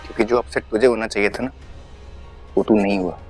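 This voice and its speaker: A man's voice: fairly low pitch, steady tone, fairly quick, soft background music, lightly acted. A man playing a hurt, scolding elder brother. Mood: wounded scolding. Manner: emotional scolding, pleading then shouting.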